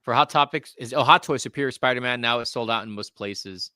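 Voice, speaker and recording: This is a man in his forties hosting a casual live-streamed podcast about collectibles. His voice is bright and forceful, and he jokes easily while reading viewer comments aloud. The sound is dry and close to the mic. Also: medium pitch, a little fast, no room sound. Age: 40s. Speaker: podcast host.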